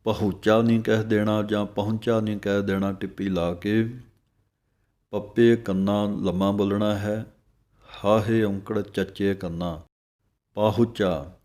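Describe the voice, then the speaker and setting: Man with a Punjabi accent, low flat voice, teaching recitation at a very slow pace. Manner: slow, drawn-out recitation alternating with explanation. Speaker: religious teacher. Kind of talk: slow pronunciation lesson.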